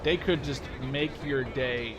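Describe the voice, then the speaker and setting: Taking his time at a medium pitch, a man in his twenties offers loose, rambling gameplay commentary for his gaming videos, often interrupting himself and swearing mildly. Crowd noise is present, along with in-game artillery, gunfire and vehicle sounds behind his voice.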